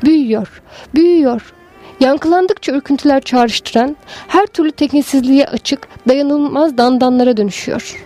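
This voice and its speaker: High-voiced woman reading a story. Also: dark tone, soft background music. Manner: slow, measured and lyrical. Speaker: story reader. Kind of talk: literary narration.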